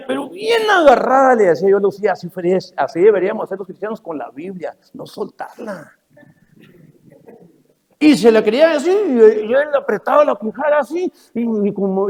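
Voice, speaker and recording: An older man, preaching a sermon and telling stories, moving from loud to soft. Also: high-pitched. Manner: animated storytelling, swings from loud to soft. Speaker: pastor. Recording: long reverb of a church hall.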